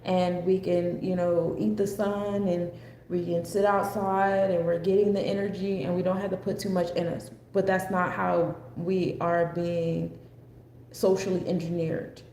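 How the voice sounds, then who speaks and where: A woman's voice: lowish voice, little pitch movement, a little slow, warm tone. An American woman presenting an astrology forecast in a casual, unscripted lecture with a rambling, conversational, digressive manner. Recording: echoey room with faint background noise.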